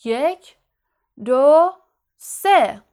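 A woman's voice: fairly high pitch, expressive. A woman voicing a vain, boastful male wizard teacher in an audiobook, talking in a showy, self-satisfied way and projecting grandly. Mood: theatrical. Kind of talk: audiobook character voice.

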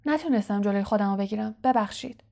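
A woman reading aloud plays a teenage boy who talks fast and quietly, trying to reassure. The voice sits fairly high in a storybook reading. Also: lightly acted. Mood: earnest. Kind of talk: audiobook character voice.

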